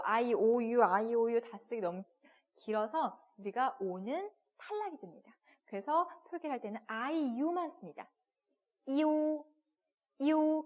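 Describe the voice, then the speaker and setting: A young woman gives a video lesson on pronunciation. Her voice sits fairly high and moves a lot in pitch. She explains things patiently and models each sound clearly, again and again. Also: a little mellow. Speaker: Chinese language teacher.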